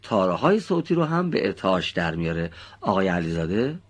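A man's voice: low-pitched, big pitch swings, breathy edge. A man teaching children how to pronounce Quran recitation letters. He explains patiently and precisely and praises his students often.

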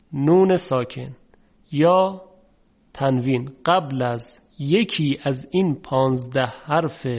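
A man teaching a recorded recitation lesson, formal and polite, who explains patiently and stretches sounds out slowly to show them. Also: a little high, a little mellow, lo-fi sound.

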